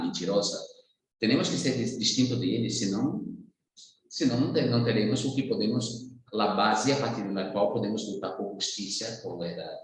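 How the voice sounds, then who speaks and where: Echoey Brazilian man mixing Spanish and Portuguese. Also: on the low side. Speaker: guest speaker. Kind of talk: spoken political analysis. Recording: very echoey room.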